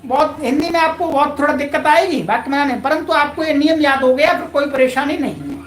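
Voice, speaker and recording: A woman's voice: sits high, a little fast, roomy sound. A woman teaching a Sanskrit grammar lesson online, patient and polite, repeating key points to her viewers.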